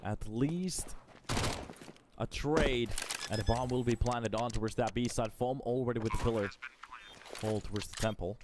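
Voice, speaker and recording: A man's voice: mid-range voice, normal speed, long pauses, background noise. A man doing casual live esports commentary and chatting with his viewers. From Finland. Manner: casual, chatty, talks to chat between plays. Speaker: esports caster.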